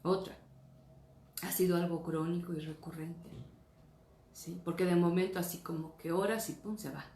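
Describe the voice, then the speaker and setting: A woman's voice: on the low side, fairly even intonation, normal speed, mellow. A woman pastor gives an earnest teaching sermon, often checking in with her listeners. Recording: roomy echo, faint ambience.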